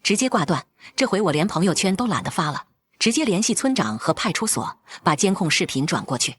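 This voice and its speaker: A woman's voice: lowish voice, sing-song, brisk, husky, no echo. A woman narrating a first-person drama in a cold, blunt and firm way.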